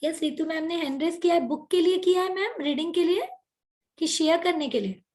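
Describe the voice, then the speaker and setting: A woman hosting an online motivational workshop over a video call, energetic and coaxing, mixing English words into her Hindi. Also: very high voice, brisk.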